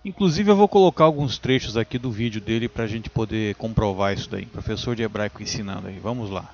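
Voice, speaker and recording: A man's voice: lowish voice, brisk, a little mellow, highs cut off, faint music behind. A man explaining a topic in casual talk, hesitant, with many restarts and tag questions. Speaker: video host.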